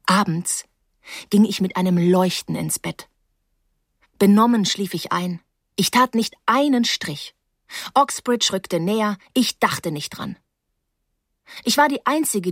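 A woman narrating a first-person novel as an audiobook, calm and wry. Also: medium pitch, no room sound, clean studio sound.

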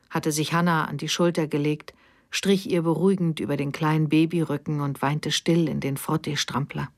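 Ruhige Hörbuchsprecherin. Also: female voice, deep voice, no echo, clean studio sound. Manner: calm, measured storytelling. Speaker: audiobook reader. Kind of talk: literary audiobook narration.

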